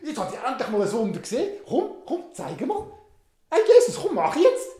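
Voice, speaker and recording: A storyteller voicing an excitable, mocking king who shouts and laughs, in a roomy recording. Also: high-pitched, normal speed, voice pushed up. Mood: eager, demanding. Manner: taunting, loud, laughing. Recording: roomy echo.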